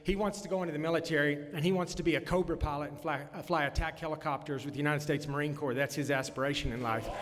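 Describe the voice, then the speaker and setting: A man's voice: fairly high pitch, fairly even intonation, quick pace, few pauses, background noise. A man, giving a folksy campaign speech at a candidate forum, full of "uh" fillers. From Texas Panhandle. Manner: folksy, frequent "uh" fillers and restarts. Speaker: congressional candidate. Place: meeting room at a candidate forum. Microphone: handheld or podium mic. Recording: long hall reverb from a room PA.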